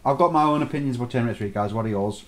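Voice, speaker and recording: A man's voice: medium pitch, racing. A man, tipsy on beer, chatting casually and crudely as co-host of a film review, informal and often seeking agreement.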